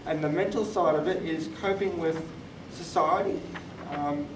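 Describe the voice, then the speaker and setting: A young man in his twenties with a high-pitched voice speaks at a moderate pace during a personal talk on a live panel podcast. Born in Thailand, he later moved to Australia. The recording comes from a conference room at a live event, with a distant mic, a roomy sound and clearly audible background noise.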